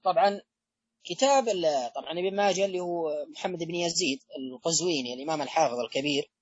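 A man giving an academic religious lecture, pausing often with drawn-out fillers and restarting his phrases. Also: fairly high pitch, dull audio, a little hiss or hum. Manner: halting delivery with frequent drawn-out fillers and restarts. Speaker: lecturer on hadith studies.

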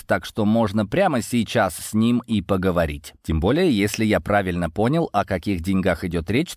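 A man narrates an audiobook in the first person, wry and conversational. His voice sits low. It is recorded close and dry, with no room sound. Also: no echo.

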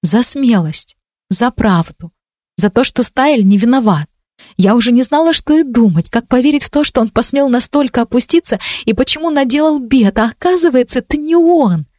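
A woman voicing a gentle, earnest young girl in an audiobook, speaking soft and high. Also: lively intonation, moderate pace, no room sound, studio quality.

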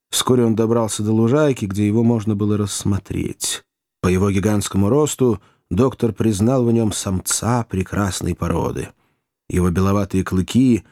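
Low-voiced man narrating an audiobook. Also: no echo, clean studio sound. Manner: even, descriptive storytelling.

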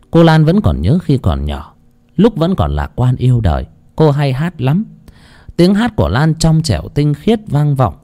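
A man narrating a dramatic audio story with a very animated, sweeping delivery. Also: mid-range voice.

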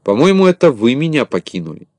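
A man voicing a clever, calm little shorty leader who sounds puzzled and dryly mocking in a storybook reading. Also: mid-range voice, quick pace, dry recording, voice pushed up, lightly acted.

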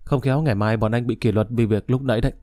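A man's voice: mid-range voice, steady tone, very fast, dark tone, no echo, clean studio sound, natural voice. A male narrator voicing a prison guard who refuses firmly but apologetically.

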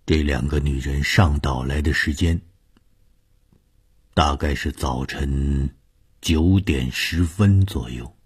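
A man narrating a long-form story in a measured, expressive storytelling style. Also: extremely low pitch, husky.

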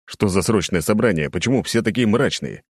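A man's voice: fairly low pitch, expressive, fairly quick, breathy edge, no room sound, clean studio sound, pitched above the performer's own voice. A man doing an impatient young man. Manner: impatient, pressing.

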